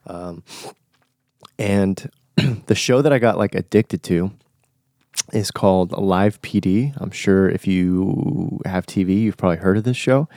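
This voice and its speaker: A man's voice: low voice, unhurried, dark tone, no echo, clean studio sound. A young man with a nasal, congested voice from a recent illness, talking casually and informally as a podcast host. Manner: informal, conversational, buddy-like slang. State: recovering from flu, stuffy nose. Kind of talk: casual solo podcast talk.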